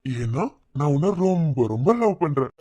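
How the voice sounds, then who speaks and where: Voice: mid-range voice, lively intonation, normal speed, warm tone, breathy edge. Someone voicing an anxious, pleading young husband. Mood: pleading, ashamed. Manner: earnest, pleading. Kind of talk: cartoon voice acting. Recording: muffled lo-fi sound.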